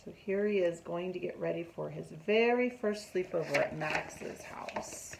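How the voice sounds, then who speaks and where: A middle-aged woman teacher reading a picture book aloud to her class, lively and asking the children questions. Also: lowish voice, unhurried, creaky, noisy background.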